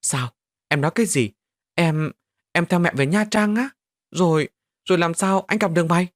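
A man voicing a poor, tough boy who acts as a protective big brother, talking in a gruff, bossy way. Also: mid-range voice, sing-song, normal speed, a bit bright, dry recording, studio quality.

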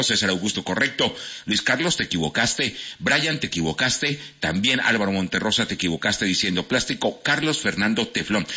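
A man hosting a radio quiz, rattling off listener answers with quick verdicts in casual banter. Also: on the low side, pushed and bright, husky. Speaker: radio host. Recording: dull lo-fi radio broadcast.

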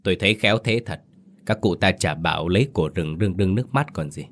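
Man voicing an insistent villager, deep voice, persuading, horror story telling. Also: expressive, fast, a bit bright, exaggerated voice. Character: agreeing village man, sure of superstition.

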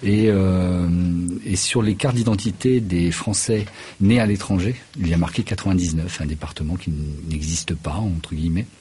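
A man with a very low voice talks through a radio studio interview, halting often and restarting his sentences. His tone is dark and husky, and he pauses a lot as he lays out his work as a choreographer and festival director. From Paris region, France. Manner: hesitant, many fillers and restarts.

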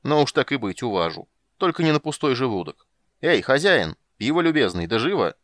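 A man's voice: mid-range voice, big pitch swings, brisk, a bit bright, no room sound. A man voicing a boastful, flamboyant male bard in an audiobook, teasing and exclamatory. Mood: showy. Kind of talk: audiobook character voice.

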